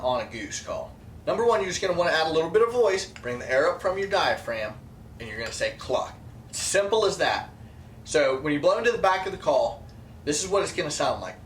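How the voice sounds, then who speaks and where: A man's voice: fairly high pitch, a bit bright, a little hiss or hum. A man presenting an instructional video to viewers, emphatic and repeating key points for stress. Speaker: presenter teaching goose calling. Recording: echoey, roomy sound.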